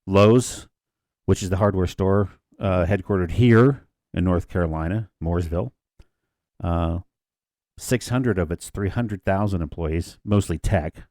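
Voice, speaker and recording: A low-pitched man co-hosts a casual podcast discussion, unhurried and a little mellow, rambling through asides and restarting sentences. The recording is close and dry, with no echo.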